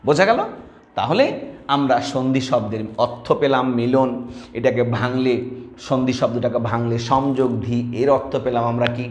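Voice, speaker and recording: A man's voice: mid-range voice, a little hiss or hum. A man teaching a grammar lesson, explaining step by step and asking students to say words aloud. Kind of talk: classroom video lesson. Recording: echoey room.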